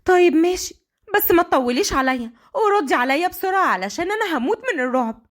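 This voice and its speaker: A woman's voice: very high-pitched, lively intonation, fast, pitched above the performer's own voice. A woman voicing a panicked young wife, pleading and frantic.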